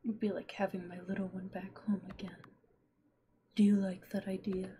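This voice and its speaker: A woman voicing a lonely, motherly witch in a gentle half-whispered voice, as whispered role-play. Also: mid-range voice, level tone, normal speed, slight background noise, close to an everyday voice. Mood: tender.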